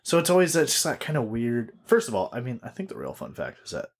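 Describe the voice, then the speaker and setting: A man in his late twenties chats on a casual podcast. His voice swings up and down in pitch. He jokes a lot and swears freely. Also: quick pace. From United States. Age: 20s. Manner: animated, jokey, swears freely. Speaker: podcast co-host. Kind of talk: casual chat.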